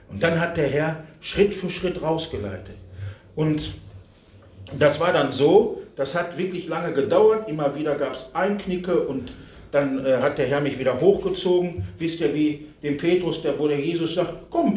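A middle-aged man preaching a personal testimony to a congregation, swinging from loud cries to hushed whispers and often speaking straight to his listeners. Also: a little high, roomy sound, distant mic. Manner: addresses the audience directly. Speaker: street preacher. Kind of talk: testimony sermon.

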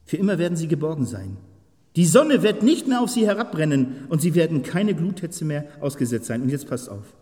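A man preaching a sermon, his fairly high voice carrying through a church hall with a long reverb. He talks to the congregation in an emphatic, conversational way, checking in with quick tag questions, then swells into loud proclamation. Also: big pitch swings. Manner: emphatic, rising to loud proclamation when reading scripture; conversational asides with frequent "ja?". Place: church service.

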